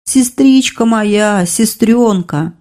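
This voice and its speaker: A woman doing a drunk soldier man, slurring, slow mumbling, dark tone, storybook. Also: on the high side, expressive. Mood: weepy. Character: drunken weepy male soldier, befuddled and belligerent.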